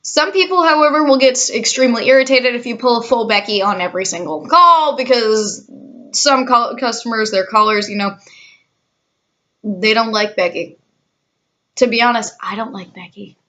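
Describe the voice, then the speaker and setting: A woman in her twenties who works at a call centre chats candidly in a casual vlog, with a sarcastic, cynical edge. Her voice is a little high and sharp in tone, at a normal speed.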